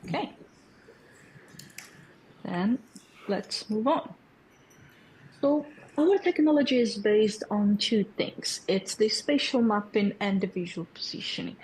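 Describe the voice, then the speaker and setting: Speaking slowly with long pauses, a developer community lead gives a technical presentation of a developer tool at a hackathon. She is a Brazilian woman in her thirties, a native Portuguese speaker with a Brazilian accent, with a mid-range, slightly mellow voice and a friendly explanatory style that includes fillers and check-in questions. The rough recording has slight background noise.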